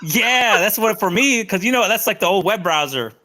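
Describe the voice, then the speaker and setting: A man's voice: high-pitched, expressive, normal speed, pushed and bright, low-quality recording. A man chatting casually as a guest over a video call, rambling with lots of fillers and laid-back slang. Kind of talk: casual chat.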